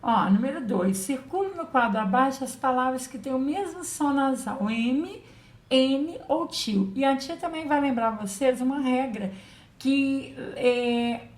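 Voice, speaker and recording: A woman's voice: high-pitched, expressive, measured pace. A woman teacher giving a patient children's lesson, spelling out letters and sounds. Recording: echoey room.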